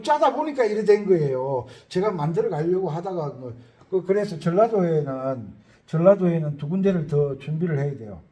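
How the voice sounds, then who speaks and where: A man's voice: a little high, dark tone, muffled recording. A man who teaches accordion, talking casually, rambling and thinking aloud as he goes. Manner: chatty, rambling, thinks aloud while listing places. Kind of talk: casual talk to viewers.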